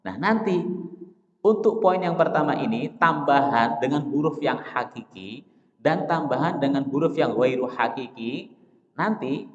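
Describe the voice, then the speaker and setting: A man teaching a dawn study lecture in a mosque, addressing listeners as Pak and Bapak Ibu, asking questions and answering them himself, and slowly reciting example phrases. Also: mid-range voice, lively intonation. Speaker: Islamic teacher. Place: mosque hall. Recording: echoey mosque hall, dull lo-fi sound.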